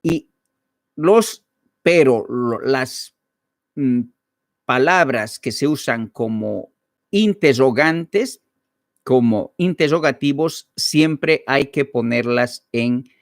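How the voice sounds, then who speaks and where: A man teaching a Spanish lesson online, explaining slowly and carefully with frequent hesitations. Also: mid-range voice, lively intonation, no room sound, clean studio sound.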